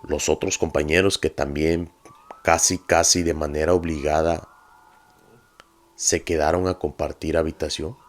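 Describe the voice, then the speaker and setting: A man narrating a paranormal story in a measured, earnest, confiding way. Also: a bass voice, fairly even intonation, slight background noise.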